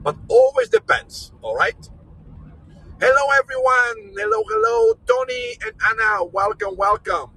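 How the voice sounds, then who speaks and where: On a live virtual tour from a moving vehicle, a man originally from Brazil and raised in Austria banters with viewers in energetic, jokey, non-native English. His bright voice is very high-pitched, unhurried and creaky, and the low-quality recording picks up vehicle noise.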